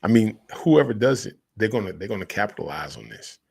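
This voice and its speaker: A man talking casually as a crypto host, in a hyped, slangy, emphatic crypto bro manner, with a husky, gravelly voice. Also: fairly low pitch, big pitch swings, brisk, darkish tone. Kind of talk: casual solo crypto commentary.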